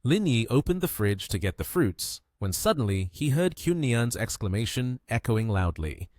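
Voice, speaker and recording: A man narrating a comic story recap with a lively, animated reading. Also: medium pitch, normal speed, dry recording, clean studio sound.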